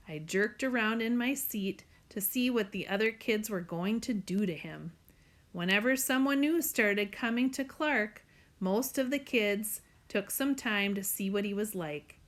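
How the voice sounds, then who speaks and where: A woman's voice: fairly high pitch, fairly bright tone. A woman narrating a novel in the first person, in an earnest storytelling tone. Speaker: audiobook narrator.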